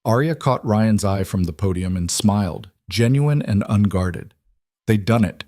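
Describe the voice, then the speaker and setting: A man reads a scripted story in an even, measured way. His voice sits on the low side and the recording is dry and close. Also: dry recording. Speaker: narrator.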